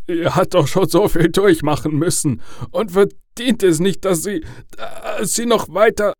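A man's voice: mid-range voice, animated, measured pace, no echo, studio quality. A man voicing a terrified adult father who stammers and pleads, his voice shaking. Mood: pleading. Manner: stammering, shaky.

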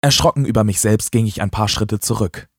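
A man reading a first-person audiobook with a lively, dramatic delivery. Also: on the low side, brisk, gravelly, breathy edge, dry recording, studio quality. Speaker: audiobook narrator.

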